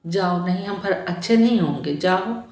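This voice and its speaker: A woman voicing a feverish dying young woman who pleads softly and later cries out in delirium. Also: on the low side, moderate pace, echoey room, lightly acted. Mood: weak tender. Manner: weak, pleading, turns frightened and delirious.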